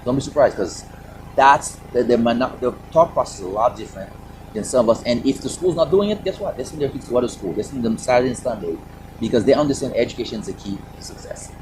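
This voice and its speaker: A man with a Haitian accent speaks quickly and with animation at a medium pitch, over a noisy background. He's a panelist on a video call, an Air Force operations director, and during this virtual panel discussion he sounds passionate and emphatic, throwing in rhetorical questions.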